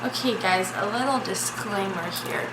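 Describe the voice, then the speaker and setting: A woman's voice: mid-range voice, normal speed, over loud music. A young woman chatting casually as a vlog co-host. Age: young adult. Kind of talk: casual chat. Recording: very noisy echoey room.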